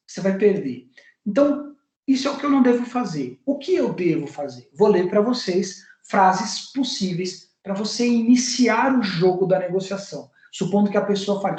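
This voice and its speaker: A man's voice: high voice, a little mellow. A man with a Brazilian Portuguese accent giving a university lecture on negotiation, acting out sample phrases as he teaches. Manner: didactic, acts out sample phrases. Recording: roomy echo.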